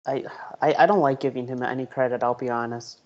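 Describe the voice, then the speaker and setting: A man's voice: medium pitch, steady tone, a little fast. A man on a podcast, giving short agreeing replies and blunt opinions. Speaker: podcast guest, community co-president. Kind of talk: casual podcast chat. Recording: dull lo-fi sound.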